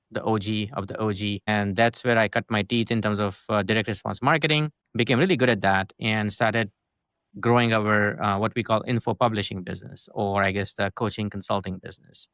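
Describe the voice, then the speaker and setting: A middle-aged man from India, founder of a marketing agency, tells his story as a guest in a casual interview, speaking with an Indian accent. He talks in long, loose chains of sentences packed with "uh," "right?" and "essentially." His voice is fairly low and fairly bright, clear and resonant, with no room sound.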